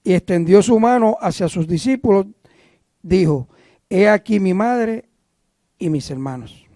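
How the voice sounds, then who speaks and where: A man in a church class reading a Bible passage aloud, hesitant and halting. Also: high voice, animated, mellow, dry recording, clean studio sound. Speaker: class member reading scripture.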